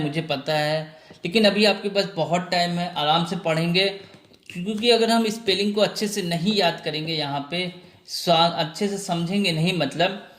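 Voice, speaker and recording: A man's voice: sits high, fairly bright tone. Man teaching spelling in an echoey room. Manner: spells words letter by letter, asks and answers own questions. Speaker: English teacher. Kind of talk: exam vocabulary lesson.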